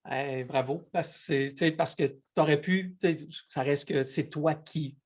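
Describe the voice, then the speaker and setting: A man's voice: on the high side, unhurried, a little mellow. A man hosting an interview, praising his guest and repeating words while searching for them. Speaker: interview host. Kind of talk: casual interview chat.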